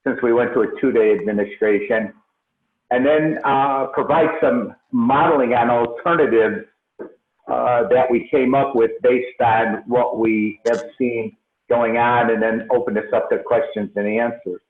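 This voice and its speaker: A man gives a formal presentation over a remote call, his voice echoing as if from inside a tunnel or underwater. The line is tinny and phone-like, with a hollow roomy ring. He speaks hesitantly, filling pauses with frequent "uh"s. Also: mid-range voice, fairly even intonation. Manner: hesitant, many filler pauses. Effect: echoing tunnel sound, as if underwater. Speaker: presenter at a meeting. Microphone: remote call from a computer. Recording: echoey tinny video-call audio.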